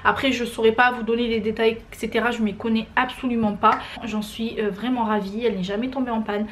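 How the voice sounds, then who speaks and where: Young woman, casual home vlog, chatty and full of fillers, slightly high voice, faint room hum. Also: fairly even intonation, a little fast, a bit bright. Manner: chatty, many "euh" fillers, addresses viewers as girls. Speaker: lifestyle vlogger. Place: at home, in her living room.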